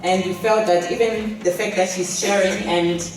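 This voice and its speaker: A woman, a program fellow, presenting her group's view in an earnest, steady way. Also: mid-range voice, normal speed, soft background music. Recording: very echoey room, mic far off.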